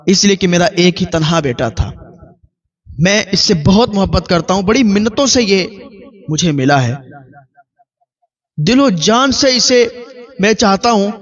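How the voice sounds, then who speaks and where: A man playing a grieving father who accuses and laments in a high, emotional voice. The recording is muffled and lo-fi. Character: grieving angry father of a slain boy. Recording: dull lo-fi recording.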